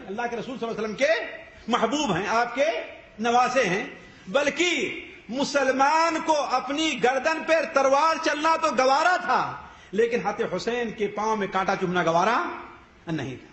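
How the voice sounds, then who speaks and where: Male preacher, very high voice, lecture style, asks and answers his own questions; roomy echo. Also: a bit bright. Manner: poses rhetorical questions and answers them himself. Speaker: Islamic preacher. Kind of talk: religious lecture. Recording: echoey room.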